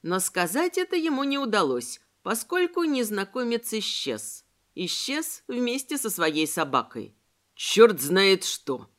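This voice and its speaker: A woman narrating an audiobook in a measured, expressive storytelling manner. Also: fairly high pitch. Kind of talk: scripted narration.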